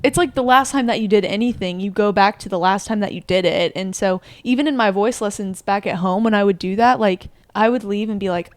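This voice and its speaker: A young woman in her twenties chats earnestly on a podcast and thinks aloud as she goes. Her voice is smooth and clear at an ordinary pitch. The sound is dry and close. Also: fairly quick, hardly any pauses, no echo. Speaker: podcast co-host. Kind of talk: casual reflective chat.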